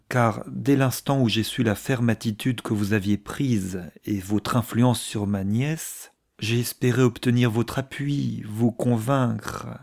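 A man reading a novel aloud, voicing an effusive, gossiping older aristocratic woman with theatrical, hushed asides. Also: mid-range voice, vocal fry. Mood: persuasive.

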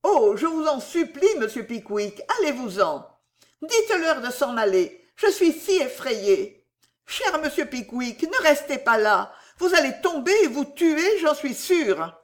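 A woman reading aloud, voicing a frightened young lady who pleads in a high, anxious voice. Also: very animated, a little slow.

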